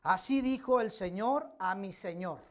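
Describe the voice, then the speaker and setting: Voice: medium pitch, a little slow. Emphatic preacher. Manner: emphatic, repeats key phrases, direct to the congregation. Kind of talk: Bible study sermon. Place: church service.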